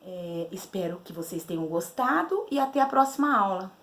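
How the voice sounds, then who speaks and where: A woman's voice: mid-range voice, animated, moderate pace, very noisy. A woman teacher with a Brazilian Portuguese accent, patiently explaining syllables to children step by step. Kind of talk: literacy lesson to children.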